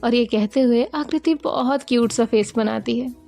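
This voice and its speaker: A woman's voice: a little high, moderate pace, creaky, mellow, soft background music. A woman narrating a romance story in a plain, conversational storytelling manner.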